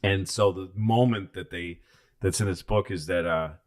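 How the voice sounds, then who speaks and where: Low-voiced man telling stories casually. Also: moderate pace. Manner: rambling, profane, animated storytelling with many restarts. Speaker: podcast co-host. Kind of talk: casual storytelling chat.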